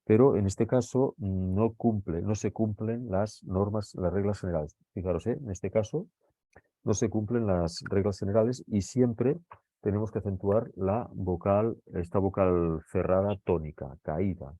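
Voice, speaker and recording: A man's voice: on the low side, a little slow, warm tone, dry recording. A male teacher from Spain giving a grammar lesson, explaining patiently step by step and often checking in with his listeners. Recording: dull lo-fi recording.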